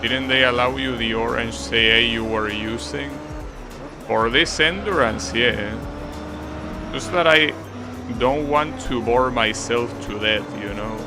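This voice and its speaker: Music plays in the background as this Argentine man, mid-range voice and a little slow, offers relaxed, musing commentary on his racing game to live-stream viewers.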